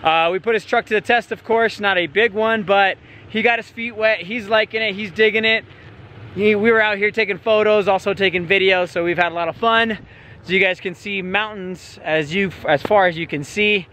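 Laid-back SoCal guy, high bright voice, slightly winded, outdoor trail vlog, rambly. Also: steady tone, moderate pace. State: a little out of breath. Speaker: off-road vlogger. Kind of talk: casual outdoor vlog talk.

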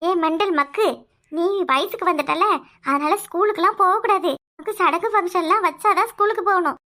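A harried village mother who scolds nonstop in a bright, piercing voice, as a woman acts her out. She speaks with a Tirunelveli Tamil accent. She rattles through her words at a rapid clip. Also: extremely high pitch. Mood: berating. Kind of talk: cartoon voice acting.

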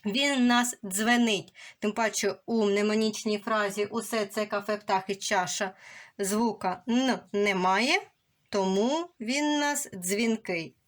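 A young woman with a mid-range voice teaches a remote lesson to young schoolchildren. She sounds out words and letters slowly and clearly.

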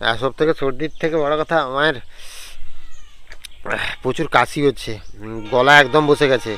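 A young man vlogging casually at home, sick with a cold and a sore throat, chatting with fillers and clearing his throat. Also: medium pitch, normal speed, bright, forceful tone, slight background noise. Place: at home and outdoors in the yard. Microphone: handheld camera on a stand.

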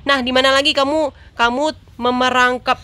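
A woman hosting a casual let's-play, chatting excitedly to her viewers and laughing often as she plays. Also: sits high, moderate pace. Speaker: gaming channel host.

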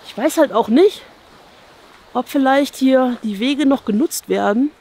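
A woman in her thirties with a German accent speaks in a high-pitched, mellow, slightly slow voice. An urban exploration vlogger, she walks through an abandoned outdoor campsite giving casual commentary, musing aloud and often asking viewers to agree. Her action camera is worn on her chest.

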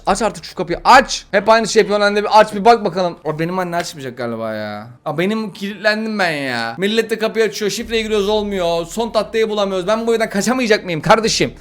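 High-voiced excitable man narrating a game. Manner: excitable, slangy, frustrated chatter. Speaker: gaming YouTuber. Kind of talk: let's-play commentary.

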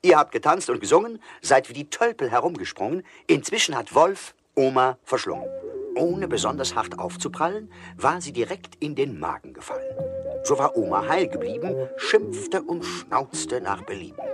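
A man's voice: medium pitch, normal speed. A man narrating a rhymed fairy tale with mocking humor, switching into voices for the characters. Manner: lively, mocking storyteller voicing characters. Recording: studio record with music behind.

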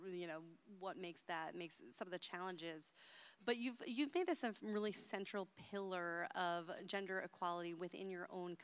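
Low, smooth-voiced woman asking questions. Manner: halting questions with restarts. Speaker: interviewer, reporter. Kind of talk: on-stage panel interview. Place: large theatre stage. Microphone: handheld microphone.

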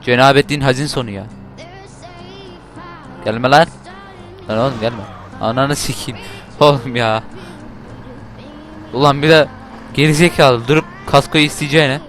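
A man talks over a game, loud and swearing, yelling at the cars on screen. His voice sits at an ordinary middle pitch. Game music plays clearly behind him. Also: a little slow, long pauses. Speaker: gameplay commentator. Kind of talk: casual gameplay commentary.

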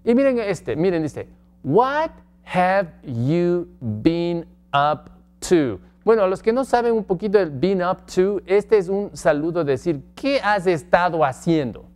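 A man teaching English grammar from slides, slowly stretching out example phrases and asking the class questions. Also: high-pitched, lively intonation, darkish tone. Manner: slow, drawn-out model phrases in English. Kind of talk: slide-based grammar lesson.

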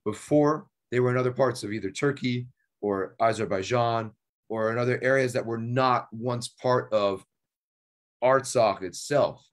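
A man's voice: mid-range voice, measured pace. Man with choppy audio cutting out. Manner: speaks in short broken phrases. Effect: choppy audio cutting out over an internet connection. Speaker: co-host of a live online talk show. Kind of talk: casual news discussion.

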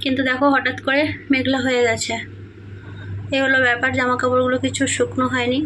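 Soft-spoken woman vlogging at home. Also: sits high, completely flat delivery, fast, a little hiss or hum. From Medinipur, West Bengal, India. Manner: soft, hushed talk so a sleeping child stays asleep. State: sleepy and sweaty in the heat. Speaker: vlogger, housewife and mother. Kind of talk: casual home vlog narration. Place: small home indoors. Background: background music.

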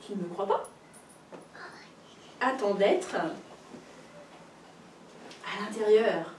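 A woman reading a picture book aloud to children in a library, playful and expressive with sound effects. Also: medium pitch, extremely slow, slight background noise. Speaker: storyteller. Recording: roomy room recorded from a distance, faint ambience.

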